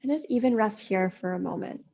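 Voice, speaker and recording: A woman yoga teacher leading a slow guided practice, soothing and unhurried with long pauses. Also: mid-range voice, creaky, dark tone, highs cut off, slight background noise.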